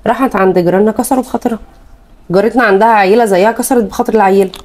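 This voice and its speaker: A woman's voice: mid-range voice, very fast, a little mellow, close to an everyday voice. A woman with an Egyptian Arabic accent playing a mother who pleads and argues for her daughter. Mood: arguing. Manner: pleading, insistent. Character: caring young mother, stubborn in arguments.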